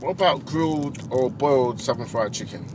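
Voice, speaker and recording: A man's voice: medium pitch, moderate pace, noisy background. Teasing man driving through the city. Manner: teasing, needling with mock-serious questions. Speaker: comedy host, driver. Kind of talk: casual comedic chat. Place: inside a car in city traffic.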